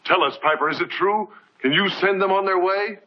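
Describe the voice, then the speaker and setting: A man's voice: high voice, moderate pace, natural voice. An actor playing a skeptical, anxious townsman in rhymed lines, in 1950s musical film style. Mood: doubtful. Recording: dull 1950s film soundtrack, loud music.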